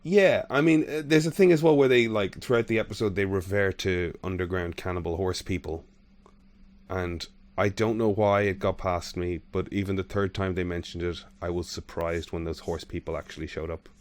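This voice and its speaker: A man's voice: deep voice, normal speed. A man hosting a podcast, chatting casually and rambling as he retells scenes. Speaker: podcast host. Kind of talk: casual chat.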